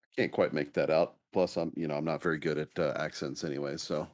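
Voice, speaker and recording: Very deep-voiced male co-commentator. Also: quick pace. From United States. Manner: relaxed, modest, with fillers. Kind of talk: casual commentary chat.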